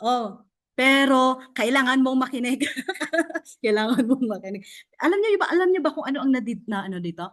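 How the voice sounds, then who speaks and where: A woman from the Philippines, a mentor telling her success story in a casual, encouraging talk to an online audience. She speaks directly to listeners in a halting way, with many fillers and restarts. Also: sits high, lively intonation. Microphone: off camera, online session mic.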